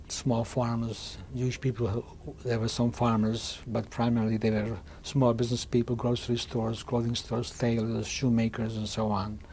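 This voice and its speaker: A man in his sixties from Hungary, giving oral history testimony in a halting way, often restarting and repeating words. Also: medium pitch, level tone, a little mellow, a little hiss or hum. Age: 60s. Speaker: interviewee.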